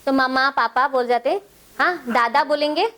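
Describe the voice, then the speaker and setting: A woman's voice: high voice, moderate pace, fairly bright tone. A woman with an Indian accent, teaching a child development assessment, switching between English and Hindi as she explains step by step. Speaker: trainer.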